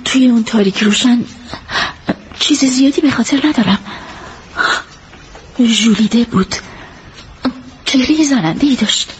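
An earnest female witness, voiced by a woman in a radio drama dub, telling her story in careful detail out of loyalty to her friend. Her voice sits somewhat high. Her manner stays sincere and steady. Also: long pauses, noisy background, natural voice. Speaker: witness giving a statement.

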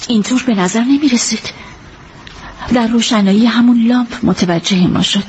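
A woman's voice: fairly high pitch, darkish tone, slight background noise, lightly acted. An actress playing an earnest female witness who carefully recounts a night's events to a detective, in a radio drama dub. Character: earnest female witness, loyal to her friend. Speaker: witness giving a statement.

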